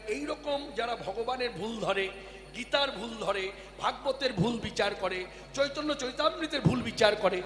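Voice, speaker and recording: A man's voice: very high voice, fairly bright tone. A man giving a devotional sermon, questioning his listeners emphatically. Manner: addresses the audience with questions, emphatic. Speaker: kirtan preacher. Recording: echoey hall with music behind.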